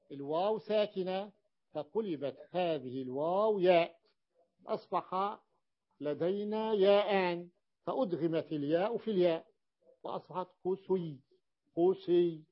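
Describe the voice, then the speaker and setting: A man teaching a grammar lesson in a classroom, repeating words slowly and checking that his students follow. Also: sits high. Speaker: teacher of Arabic morphology. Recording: dull lo-fi recording.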